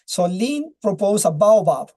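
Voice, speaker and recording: Casting note: a man with a mellow voice, halting and restarting on a video call. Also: sits high, sing-song. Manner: halting, searches for words, many restarts. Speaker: webinar speaker. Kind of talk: casual presentation and chat.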